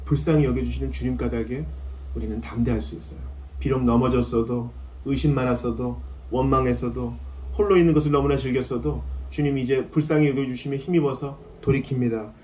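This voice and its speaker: A man's voice: medium pitch, steady tone, fast talker, slight background noise. A man, a pastor, closing his sermon and leading an earnest, pleading prayer in a church. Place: church sanctuary. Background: soft piano accompaniment.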